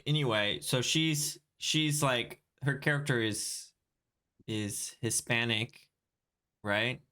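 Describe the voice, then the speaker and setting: Male podcast co-host, casual chat, mid-pitched voice, laughs a lot, restarts sentences. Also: slow, bright, forceful tone. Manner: chatty, laughs often, trails off and restarts. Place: living in Korea.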